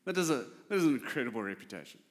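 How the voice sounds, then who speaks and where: A man's voice: medium pitch, big pitch swings, very fast. A man preaching a sermon as a pastor, in an emphatic, conversational way full of rhetorical questions. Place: church hall. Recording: preaching in a large reverberant hall.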